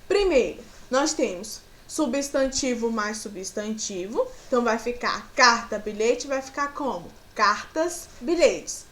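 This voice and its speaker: Woman, Brazilian Portuguese accent, grammar lesson for children, patient, slow delivery, fairly high-pitched. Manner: slow, patient, drawing out example words. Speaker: teacher.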